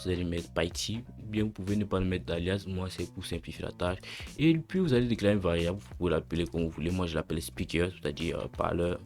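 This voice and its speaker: A young man hosting a casual coding tutorial, relaxed and slangy, talking through each step aloud and correcting himself as he goes. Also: deep voice.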